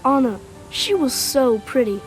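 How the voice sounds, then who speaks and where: An eerie dreamy child twin. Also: female voice, sits high, lively intonation, a little slow, rough recording. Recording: game clip under music.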